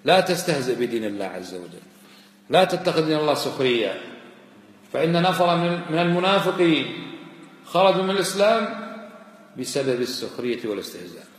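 A man's voice: a little high, sing-song, fast, long pauses. A man preaching a sermon, admonishing his listeners with rhetorical questions and repeated warnings. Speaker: Islamic preacher. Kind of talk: sermon lecture. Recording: echoey hall, long reverb.

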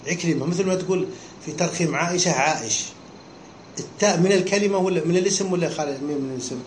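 A male teacher, his voice sitting a little high for a man, walks his students through a text. He keeps breaking off with quick questions to check they follow. The sound is roomy and echoey, with a faint hum behind him. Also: darkish tone. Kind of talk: classroom lesson explaining a text.

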